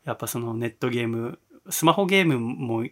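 Animated, fast-talking male radio host. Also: medium pitch. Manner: animated, curious, rising excited questions. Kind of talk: casual podcast chat.

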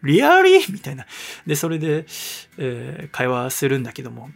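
A man's voice: mid-range voice, steady tone, a little fast, creaky, breathy edge, soft background music. A man hosting a radio show, telling a rambling story in a casual, chatty way full of fillers and reading listener mail.

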